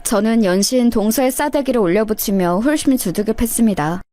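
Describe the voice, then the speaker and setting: Brief: a woman storyteller, confiding and direct with listeners, fairly high voice. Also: brisk, mellow, slight background noise. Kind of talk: story narration.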